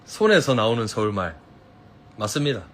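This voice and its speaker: A man's voice: lowish voice, very animated, moderate pace, slight background noise. A man with a Gyeongsang Korean accent chatting casually on a live stream from his phone, reading viewers' comments, playful and teasing and laughing often.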